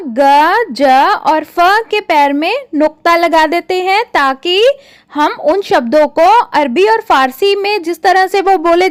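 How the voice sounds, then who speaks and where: Female teacher, children's lesson, very high pitch, unhurried and patient, dry close sound. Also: no room sound. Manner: patient, addresses the children often, stretches out example words. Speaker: Hindi teacher.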